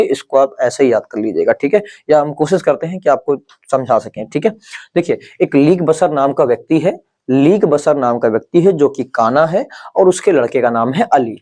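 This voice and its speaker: Mellow-voiced man teaching chemistry. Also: medium pitch. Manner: checks in with "clear?" and "ok?" after each point; slows right down to spell out mnemonics syllable by syllable. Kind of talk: exam-prep lecture with memory tricks.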